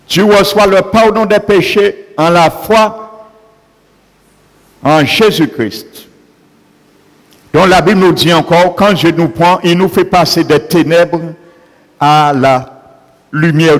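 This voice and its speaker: Slow-preaching man in a reverberant hall. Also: fairly high pitch. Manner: preaching, repeated "alléluia" between points. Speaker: pastor. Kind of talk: sermon.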